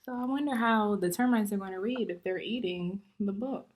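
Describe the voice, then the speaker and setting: In a medium-pitched voice, a teacher reads aloud from a picture book to small children, keeping an instructive pace and halting to explain and pose questions to them.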